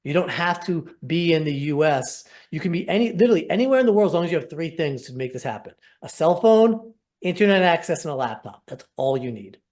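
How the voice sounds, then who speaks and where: A man's voice: fairly high pitch, expressive, a little fast, few pauses, darkish tone. A man hosting a casual sales webinar over a video call, talking in an upbeat, persuasive and rambling way. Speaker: program host.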